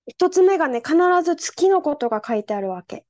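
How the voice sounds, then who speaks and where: High-voiced young woman telling lively stories. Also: a little fast, dry recording. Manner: animated storyteller, acts out quotes. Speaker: podcast host. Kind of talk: casual chat.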